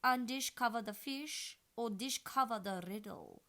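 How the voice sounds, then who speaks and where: A woman reading aloud, voicing a gentle, scatterbrained queen who coos her words in a sing-song way. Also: on the high side, unhurried, voice pushed up. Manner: cooing like a pigeon.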